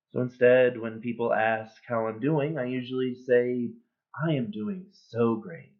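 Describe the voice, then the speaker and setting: A man's voice: medium pitch, lightly acted. BoJack: a man reading as a sardonic washed-up horse. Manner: sardonic, deadpan joking. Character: bitter, sardonic middle-aged male horse, washed-up star. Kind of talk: cold-read monologue. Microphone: built-in computer webcam mic. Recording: tinny, phone-like webcam audio.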